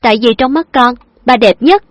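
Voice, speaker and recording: A woman voicing a lively, affectionate young woman who is playful and teasing, with a chirpy, coaxing manner. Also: fairly high pitch, moderate pace, no echo, pitched above the performer's own voice, lightly acted. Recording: dull lo-fi dry recording.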